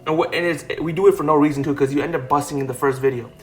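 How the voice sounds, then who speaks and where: A young man talks straight to the camera in a rapid, slightly high voice, pushing blunt self-improvement advice. His delivery is emphatic and profane, packed with "like" and "right". Faint music runs quietly beneath him. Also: fairly even intonation. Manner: fast, profane, emphatic, full of fillers like "like" and "right". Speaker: self-improvement video host. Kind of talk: blunt motivational talk to camera.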